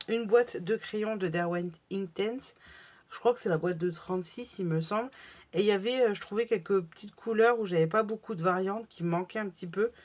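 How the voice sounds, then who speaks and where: A French-speaking woman vlogging casually about her craft purchases, chatty and hesitant, with frequent fillers and restarts. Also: medium pitch. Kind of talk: casual haul video.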